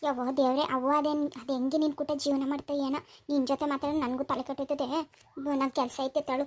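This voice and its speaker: Young woman vlogger, high voice, chatty village tour. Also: level tone, brisk, a little mellow. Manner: chatty, addressing viewers as friends. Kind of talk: comic village vlog.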